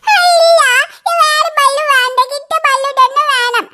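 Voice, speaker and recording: A woman's voice: very high voice, measured pace, pushed and bright, exaggerated voice. A woman voicing a stubborn, possessive little schoolgirl in a cartoon, whining and crying as she pleads. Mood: whiny stubborn. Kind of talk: cartoon voice acting.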